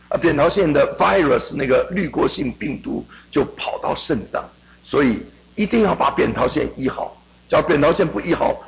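A middle-aged man preaching a sermon, telling a personal story and swinging between hushed passages and emphatic ones. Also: mid-range voice, vocal fry, low-quality recording.

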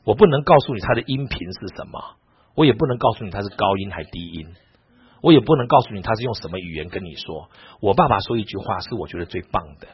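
Male preacher telling stories, lively pitch swings, husky tone, dull lo-fi recording. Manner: animated, quick, retells dialogue with lively asides. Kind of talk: storytelling sermon.

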